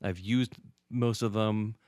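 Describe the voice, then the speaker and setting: Deep-voiced podcast co-host, dry close sound. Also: male voice, slow, no echo. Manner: relaxed, rambling, laughs often. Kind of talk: casual chat.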